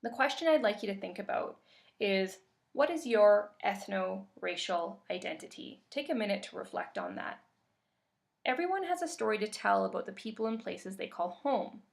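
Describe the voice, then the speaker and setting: A woman from Canada giving a webinar presentation as a workshop facilitator, calm and measured with occasional fillers. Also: mid-range voice, creaky.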